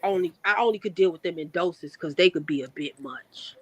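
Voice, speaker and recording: A woman in casual group chat, animated and teasing, laughing often. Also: lowish voice, fairly quick, slightly rough, dry recording, rough recording.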